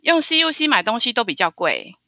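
A woman from Taiwan, telling a travel story as a podcast guest in an animated way, often stammering and repeating words. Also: on the high side, a little fast, dry recording, studio quality. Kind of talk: casual storytelling interview.

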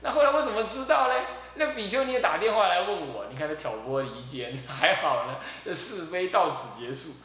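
A man's voice: high voice, lively intonation, a little fast, few pauses, fairly bright tone. A man with a Taiwanese Mandarin accent, a Buddhist abbot giving a dharma talk, telling anecdotes in a chatty way and chuckling often. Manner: chatty storytelling with frequent chuckles. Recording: roomy echo with faint hum.

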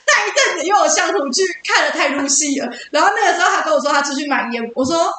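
A woman's voice: sits high, lively intonation, very fast, bright, forceful tone. A woman co-hosting a casual podcast chat, giggly, acting out quoted lines with dramatic flair. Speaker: podcast co-host. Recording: echoey room, distant mic, noisy.

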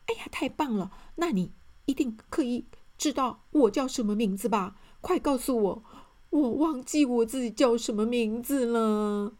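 A woman's voice: high voice, expressive, moderate pace, voice pushed up. A woman voicing a simple, forgetful man in a children's storybook, with a pleading manner. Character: simple forgetful man who forgot his name.

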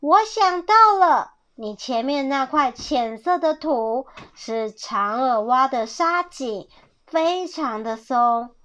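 A woman voicing a clever, excited owl in a children's story, exclaiming eagerly. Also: high voice, slow pace. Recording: dull lo-fi audio.

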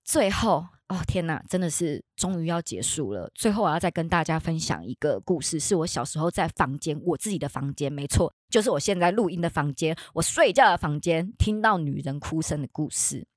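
A young woman with a Taiwanese Mandarin accent, hosting a podcast and telling ghost stories casually from her bedroom, with dramatic jumps into high, excited exclamations. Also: brisk, hardly any pauses, no room sound, studio quality. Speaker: podcast host. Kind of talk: casual storytelling.

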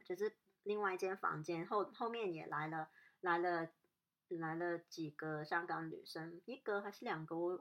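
A young woman recounts a personal story in a relaxed, rambling way. Her voice sits somewhat low for a woman. She often stops, restarts and fills pauses as she talks. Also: highs cut off. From Hong Kong. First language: Cantonese. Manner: hesitant, many restarts and fillers, chatty.

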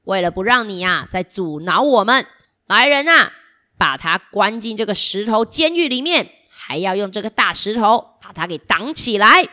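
A woman's voice: medium pitch, animated, normal speed, pushed and bright. Woman putting on a blustering, swooping bully stag beetle. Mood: gloating, commanding. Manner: blustering, commanding. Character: bullying boss stag beetle, male, gloating and easily enraged. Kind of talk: picture-book read-aloud.

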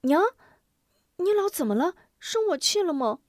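Woman doing a bright-voiced young boy for a storybook, high and quick, tumbling questions. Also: sing-song, no room sound, clean studio sound. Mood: eager. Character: eager young boy, anxious and curious.

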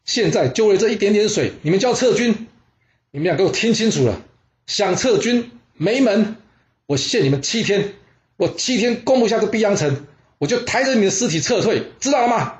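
A man's voice: high-pitched, expressive, fairly quick, roomy sound, dull audio, voice pushed up. A man voicing a furious male army commander scolding his officers in a raised, rising voice. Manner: shouting, table-pounding rebuke.

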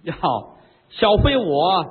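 A man doing a high, coy young concubine. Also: very animated, takes it slowly, a little hiss or hum, heavily acted. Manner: simpering, stammering when scared. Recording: tinny lo-fi recording with long reverb.

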